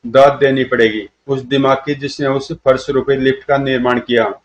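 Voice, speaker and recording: A male storyteller reads out a comic-book adventure with dramatic flair. His voice sits at a middling pitch, and the recording is dull and lo-fi. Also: fairly even intonation, normal speed.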